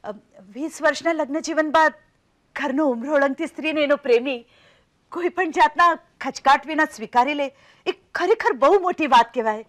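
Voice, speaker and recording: A woman's voice: sits high, moderate pace, close to an everyday voice. An actress playing an emotional middle-aged woman in a stage play, newly separated after twenty years of marriage, who falters and stammers and then turns sharply insistent. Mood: wistful.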